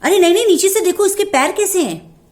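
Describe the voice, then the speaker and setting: A woman voicing small, clever goat kids in a told folk tale, shouting quickly and excitedly. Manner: high, fast, excited shouting.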